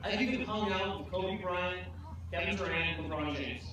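A man's voice: sits high, normal speed. A young man giving a graduation speech from a podium on an outdoor stage, earnest with self-deprecating jokes. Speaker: commencement speaker. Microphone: podium mic, filmed from far off. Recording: echoey PA sound from far off, noisy.

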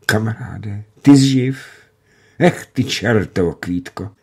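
A wounded airman lying on a stretcher, speaking weakly to his rescuer, acted by a male narrator. His low, husky voice carries strained emotion in a radio reading of a war novel. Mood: moved.

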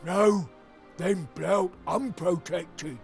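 A man voicing a simple-minded, timid and stubborn ogre in a video game, husky, with slow broken speech. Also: sits high, darkish tone, soft background music, exaggerated voice. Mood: wary. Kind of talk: video game character acting.

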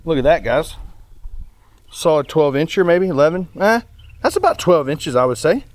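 On a boat by a dock, a fishing channel host talks in a high-ish voice, exclaiming and laughing quickly in an excitable way. The recording is dry, and it's an excited outdoor fishing vlog.

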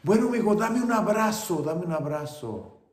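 A man's voice: expressive, slow, echoey room. A man voicing a grieving mother whose son came home maimed from war, speaking Spanish with a Mexican accent. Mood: pleading. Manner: high, loud, pleading and wailing. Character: grieving mother of a wounded soldier, woman, middle-aged.

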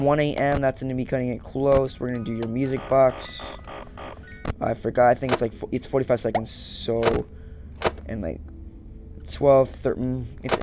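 A young gaming video host with a gravelly, medium-pitched voice gives casual gameplay commentary, muttering to himself and repeating phrases. He's indoors beside a plain wall, with game music in the background.

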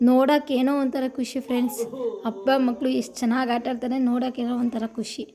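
Chatting in a homely way from her own kitchen, a Kannada-accented vlogger from Karnataka narrates her cooking casually and often repeats phrases. She talks fast in a slightly high voice with flat delivery.

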